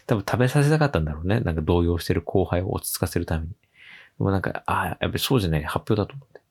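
A man hosting a casual solo radio show, telling a funny story with lively acted-out quotes and frequent laughs. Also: sits low, rapid-fire, breathy edge. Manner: animated storytelling, acting out quoted voices with laughs. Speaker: podcast host.

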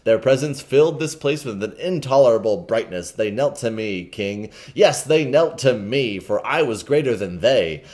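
A man's voice: mid-range voice, lively intonation, normal speed, few pauses, darkish tone, lightly acted. A man voicing an unhinged old male hermit monk who preaches in solemn archaic speech and swings into bitter rage. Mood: awed.

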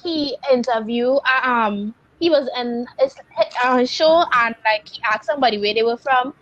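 A woman's voice: on the high side, moderate pace, a bit bright, no echo, dull audio. A woman with a Trinidadian accent chatting casually on a podcast, telling stories with hesitant restarts.

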